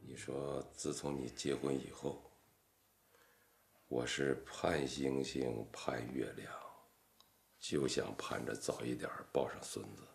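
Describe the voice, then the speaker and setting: An actor playing an older man, an anxious father who longs for grandchildren, lamenting and sometimes shouting. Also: extremely low pitch, level tone, slow pace, vocal fry, breathy edge, heavily acted. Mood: grieving. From Northeast China. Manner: lamenting, bursts into angry shouting.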